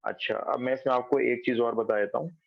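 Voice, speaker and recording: A man's voice: mid-range voice, steady tone, a little fast, gravelly, dry recording, lo-fi sound. A man teaching a math class online from home, explaining step by step and checking that students follow.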